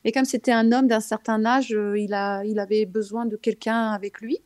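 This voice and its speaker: A woman's voice: fairly high pitch, fairly even intonation, moderate pace, darkish tone, no room sound, studio quality. A woman with a Parisian French accent giving a personal account in a conversational interview, often hesitating as she searches for words. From Paris, France. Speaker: guest, author and radio columnist.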